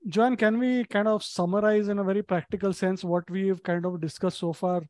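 A man's voice: high-pitched, steady tone, normal speed, a little mellow. A man chatting casually as a speaker on a panel. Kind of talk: casual chat.

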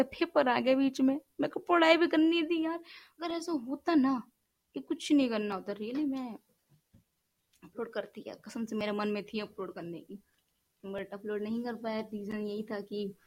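A young woman hosting a podcast, chatting in a rambling, teasing way to her viewers, her voice tired and strained from talking. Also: medium pitch. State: voice tiring, strained. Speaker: podcast host. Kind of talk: casual chat to viewers. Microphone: studio mic.

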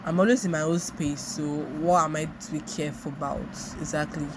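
Brisk, with fairly even intonation, a young Nigerian host with a Nigerian accent and a low voice talks through a casual solo podcast, reflecting aloud, rambling, and repeating herself often. Noise fills the background.

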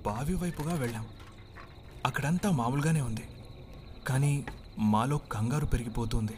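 A man's voice: mid-range voice, moderate pace, background noise. A male podcast storyteller narrating a first-person horror story and acting out its dialogue dramatically.

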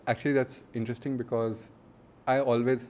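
A man's voice: mid-range voice, flat delivery, fairly quick, darkish tone. A man with an Indian accent, a founder answering interview questions in a casual, conversational way. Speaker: startup founder, interview guest.

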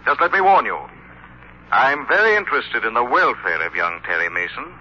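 The Shadow, looming and cold. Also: male voice, big pitch swings, pushed and bright, a little hiss or hum. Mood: menacing. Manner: slow, looming, drops low on key words. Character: invisible menacing male avenger, commanding and cold. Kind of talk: 1930s radio drama acting. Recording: muffled old radio broadcast.

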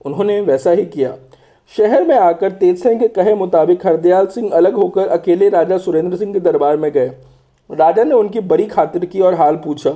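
High-pitched male storyteller, softly mellow. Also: normal speed. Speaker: audiobook narrator and host. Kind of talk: scripted story narration.

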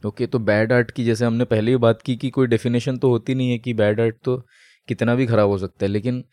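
Mellow-voiced man explaining casually. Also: mid-range voice, level tone, brisk, dry recording, clean studio sound. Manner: explains at length with many fillers, mixing in English phrases. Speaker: podcast co-host. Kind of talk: casual chat.

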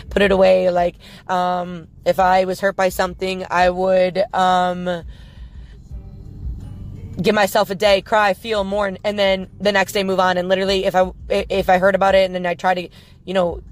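A woman's voice: fairly low pitch, monotone, fairly quick. A woman casually telling a personal story on her podcast, rambling and frank, swearing freely and filling gaps with ums and likes. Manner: rambling, frank and profane, full of fillers.

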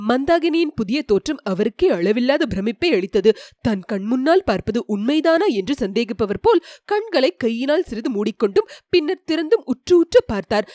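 Woman, audiobook narrator, historical novel, formal, expressive, lively pitch, dry close sound. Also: dry recording.

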